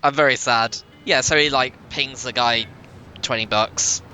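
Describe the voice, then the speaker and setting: A man's voice: mid-range voice, steady tone, measured pace, sharp tone, a little hiss or hum. A young man playing a tabletop game, talking casually and swearing freely. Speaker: player. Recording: music in the background.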